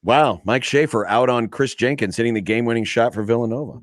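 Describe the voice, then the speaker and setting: A man's voice: medium pitch, quick pace, no echo, studio quality. A man hosting a casual sports podcast, trading joking, teasing banter with his guest. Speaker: podcast host.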